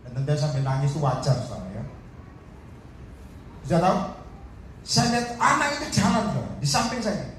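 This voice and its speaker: A man's voice: a little high, brisk, pauses often, very echoey. Man, evangelist sermon, direct to the congregation, faint background noise, far from the mic. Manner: animated, addresses the congregation directly and repeatedly. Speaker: evangelist preacher.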